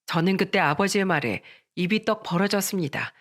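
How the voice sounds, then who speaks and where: A narrator reading a scripted first-person story in a calm, steady way. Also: medium pitch, fairly quick.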